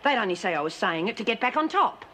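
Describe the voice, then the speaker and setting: A woman's voice: mid-range voice, very animated, quick pace, a bit bright, a little hiss or hum. An actress playing a tough, weary female prisoner who used to be in charge. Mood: grim. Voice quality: blunt, determined. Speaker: prison inmate. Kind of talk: TV drama acting.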